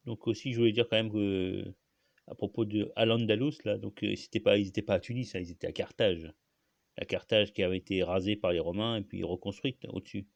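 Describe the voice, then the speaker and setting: Gravelly man rambling in a casual monologue. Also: fairly low pitch, fairly even intonation, fairly quick, no room sound. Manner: rambling, many fillers and restarts, frequent coughs. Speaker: channel host.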